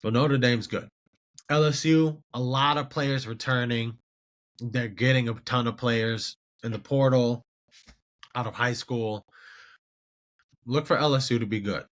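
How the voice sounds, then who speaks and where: A man's voice: medium pitch, a bit bright. A man hosting a casual sports commentary show, rambling and incredulous as he talks to himself. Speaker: show host.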